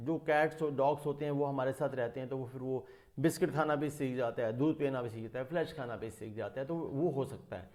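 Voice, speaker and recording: A man with an Indian English accent teaching English vocabulary, reading the English text slowly and explaining it quickly in Hindi. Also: medium pitch, darkish tone. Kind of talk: classroom lecture explaining word roots.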